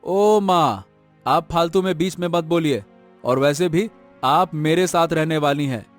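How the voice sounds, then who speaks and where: A man voicing a greedy, stubborn elder son in an animated story, talking brusquely and waving others off. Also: a little high, measured pace, soft background music, natural voice. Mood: scornful. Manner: brusque, dismissive, repeats "no, no".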